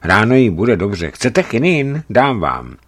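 A man reading the part of an experienced desert caravan leader, calm and matter-of-fact. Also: lowish voice, pitched above the performer's own voice. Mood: reassuring.

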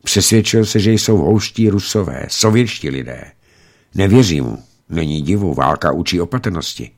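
A man reading a novel aloud as an audiobook narrator, in a measured, expressive way. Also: low voice.

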